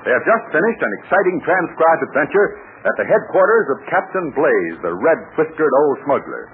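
A man's voice: a little high, big pitch swings, brisk. A man with an American accent in the eager, scripted manner of an old 1940s radio announcer, selling and narrating to children. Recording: tinny, hissy 1940s radio recording.

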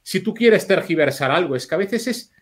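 A man, chatting as a podcast guest. His voice sits a little high for a man. He rambles through anecdotes, swears freely and restarts his sentences as he thinks aloud. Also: expressive, normal speed. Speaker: film editor guest. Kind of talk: casual podcast chat.

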